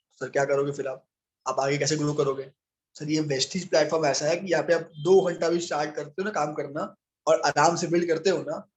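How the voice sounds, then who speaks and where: Young male trainer, raised pitch, coaching tone, acts out both sides of the conversation. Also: darkish tone. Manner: coaching, addresses listeners as sir, role-plays both sides. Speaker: business trainer. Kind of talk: training talk on handling objections.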